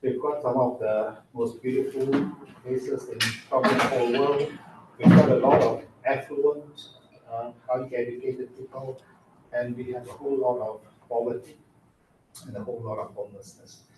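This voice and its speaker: A man who grew up in Malaysia, speaking as a county medical director at a public board meeting in a relaxed, chatty way with light self-deprecating humor. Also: medium pitch, moderate pace, background noise. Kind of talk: informal introductory remarks at a public board meeting. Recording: echoey meeting room, mic at a distance.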